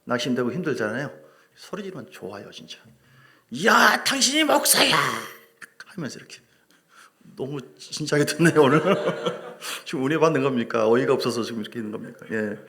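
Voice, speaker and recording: Gravelly-voiced middle-aged male pastor preaching. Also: mid-range voice, fast. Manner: animated preaching with humor, asides to the congregation. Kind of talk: sermon. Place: church sanctuary.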